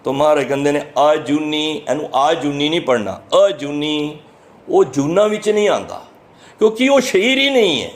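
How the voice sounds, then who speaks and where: A Sikh preacher from Punjab delivers a sermon that walks through scripture verse by verse. His voice is rather high and animated, and he is earnest and explanatory, slowly chanting each verse before explaining it.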